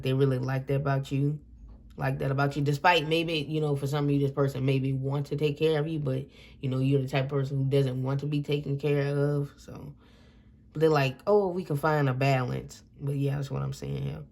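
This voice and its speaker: A woman's voice: a bass voice, flat delivery, fairly quick, gravelly, a little mellow. A woman giving a casual tarot reading to her viewers, rambling a little and repeating and correcting herself as she goes. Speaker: tarot reader.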